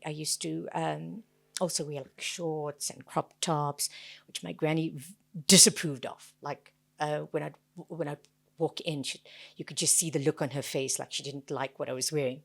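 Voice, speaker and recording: A woman with a Durban Indian South African accent, chatting casually and anecdotally as an interviewed author, animated, jokey and self-deprecating. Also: low voice, vocal fry. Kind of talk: casual anecdotal chat at a book event.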